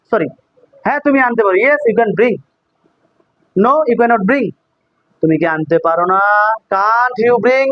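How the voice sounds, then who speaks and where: A man's voice: very high voice, no echo, dull audio. A man teaching an English grammar class, repeating each example sentence in two languages and asking students if they follow. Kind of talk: classroom lesson, drilling sentences aloud.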